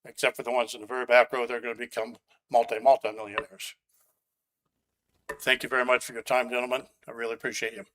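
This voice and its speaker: A man's voice: medium pitch, little pitch movement, fast, a bit bright. A man speaking at a county meeting as a resident giving public comment, blunt and sarcastic, angry about the project. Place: county commission meeting room.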